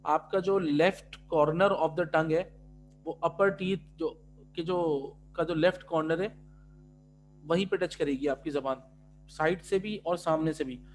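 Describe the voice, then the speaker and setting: A man teaching pronunciation in an online class, stretching out individual letter sounds loudly between calmer explanations. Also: on the high side, faint music behind. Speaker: tajweed teacher.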